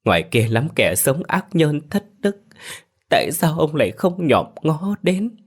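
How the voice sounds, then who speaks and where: A male servant cries out to heaven, high-pitched and raised, his pleading carrying hard, as a man voices him. Grief strains every phrase of this storybook figure. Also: very animated, measured pace, breathy edge, full character voice. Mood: anguished.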